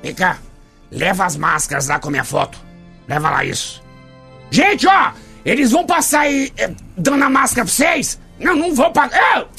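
A gravelly, boastful Brazilian TV pastor. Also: male voice, extremely high pitch, sing-song, moderate pace, pushed and bright, soft background music, full character voice. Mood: joking. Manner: boastful, bantering, with sung asides. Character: jokey self-promoting male TV pastor. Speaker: comic pastor on a morning show. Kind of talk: improvised TV comedy sketch. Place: TV studio with a live audience.

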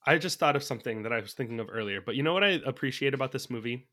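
A man's voice: mid-range voice, expressive, racing, bright, forceful tone. A man chatting casually about a movie as a podcast co-host, thinking aloud from his notes and laughing often. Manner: laughs often while talking.

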